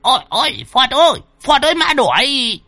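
A man's voice: mid-range voice, very animated, moderate pace, bright, forceful tone, husky, soft background music, heavily acted. A man voicing a jittery old male driver who grumbles and yelps in alarm. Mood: panicked. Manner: whiny, exclaiming.

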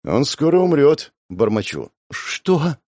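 A man narrating an audiobook in the first person, with expressive, wry storytelling. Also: medium pitch, moderate pace, breathy edge, no echo, clean studio sound. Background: faint background music.

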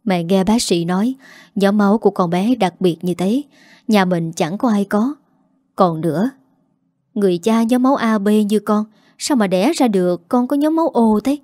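A sharp-tongued grandmother, read by a woman narrator, fretting and scolding in a mellow, warm register. The sound is dry and close. It is a spoken story, not a full performance. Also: medium pitch, moderate pace, no echo, close to an everyday voice. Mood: accusing. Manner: pleading, then scolding.

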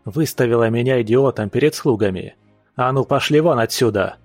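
An arrogant nobleman, played by a male reader, blusters and barks insults. His voice sits at a middle pitch. The recording is dry and close. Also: fairly quick, no echo, soft background music, lightly acted. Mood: blustering. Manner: shouting, rude, blustering.

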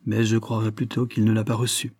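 A man reading the part of an older lord, mocking and secretive, speaking in a wry, measured way. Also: fairly low pitch, completely flat delivery, a little mellow, breathy edge, no room sound, studio quality.

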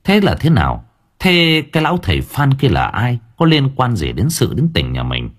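A man narrating a ghost story in an expressive, dramatic way. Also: mid-range voice, moderate pace. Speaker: audiobook narrator.

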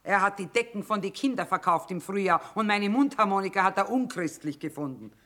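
A woman's voice: medium pitch, animated, a little fast, a bit bright, close to an everyday voice. An actress as Mother Courage, hard-bitten wartime trader. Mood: wry, troubled. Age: middle-aged. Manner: blunt, earthy, colloquial. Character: hard-bitten, shrewd, sharp-tongued mother trading in wartime. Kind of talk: German stage-style radio drama acting.

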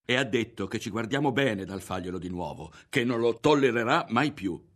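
A man voicing an excitable boy who blurts out a secret, talking in a high, breathless, insistent way. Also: moderate pace. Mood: eager. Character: excitable boy full of wild news.

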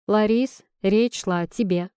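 A gentle, persuasive young woman friend , as a woman narrator puts her on, coaxing and reassuring. Her voice sounds warm and mellow. There is no room sound at all. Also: medium pitch, a little slow, clean tone, no echo, studio quality, natural voice. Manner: coaxing and soothing.

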